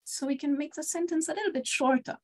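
Female language teacher, fairly high voice, upbeat and praising, mixes German and English. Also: fast. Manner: encouraging, switches between German and English explanations. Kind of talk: online language lesson with quiz.

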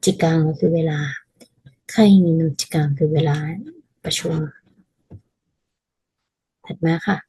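A woman teaching a casual language lesson, patiently explaining and repeating phrases slowly so learners can practice. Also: sits low, level tone, gravelly, warm tone, slightly rough, poor audio.

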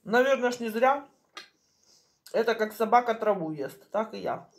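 A middle-aged woman chatting casually in short phrases with pauses as she eats, chewing while she talks, recorded in a home kitchen. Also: on the high side, animated. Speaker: mukbang vlogger. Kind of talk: casual chat while eating. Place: small home kitchen, indoors. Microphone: camera on the table at arm's length.

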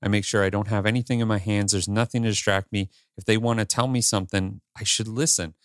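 A man's voice: on the low side, fairly even intonation, fast, fairly bright tone, no room sound, studio quality. A man in his forties co-hosting a podcast, chatting candidly with restarts and the odd swear. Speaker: podcast co-host. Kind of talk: casual chat.

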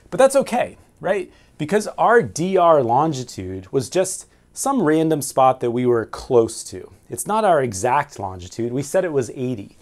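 This is a whiteboard navigation lesson from an instructor in his forties, whose voice is fairly high in pitch yet darkish in tone. He works through the material step by step, asking and answering his own questions, in a small room with framed pictures and signal flags.

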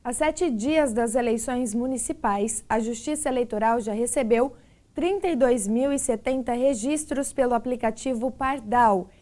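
High-voiced woman news anchor. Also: dark tone. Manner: clear, measured anchor delivery. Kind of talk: read news presentation. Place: TV news studio. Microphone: lapel mic.

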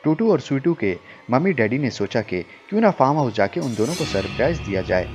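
A man narrating a cartoon horror story in a lively, playful storytelling manner. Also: mid-range voice, fairly quick, music in the background.

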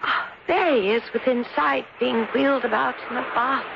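An actress playing a delicate, pale, melancholy young woman with a soft, refined manner in a 1970s radio drama, on a hissy lo-fi vintage recording. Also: sits high, moderate pace, vocal fry. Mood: wistful.

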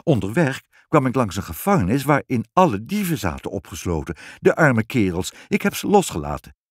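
A man voicing a soft-hearted young king who stammers through his tears. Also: mid-range voice, very animated, fairly quick, breathy edge, no echo. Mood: tearful. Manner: stammering, tearful.

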